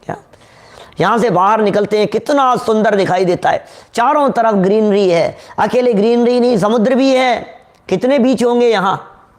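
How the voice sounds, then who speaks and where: A man giving a devotional sermon, asking his listeners questions and sometimes singing verses slowly. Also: high-pitched. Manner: rhetorical, questions the audience, sings verses slowly. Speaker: Jain preacher.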